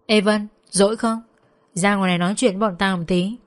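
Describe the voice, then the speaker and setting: A woman's voice: medium pitch, steady tone, a little fast, close to an everyday voice. A woman voicing a jealous young woman who screams vicious insults in a brawl, in a narrated audio story. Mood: taunting.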